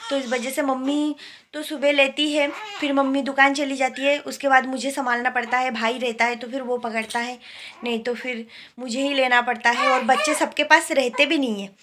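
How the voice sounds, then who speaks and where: A woman's voice: sits high, steady tone, moderate pace, background noise. A young woman from India, a new mother, chatting casually at home in her vlog and explaining what she shows on her phone camera. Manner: chatty, explains while showing things. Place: home, indoors.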